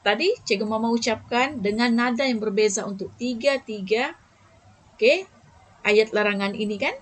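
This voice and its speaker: A woman's voice: on the high side, normal speed, a little hiss or hum. A Malaysian woman teacher giving an online Malay lesson to young pupils, checking in with them often. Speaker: primary school teacher.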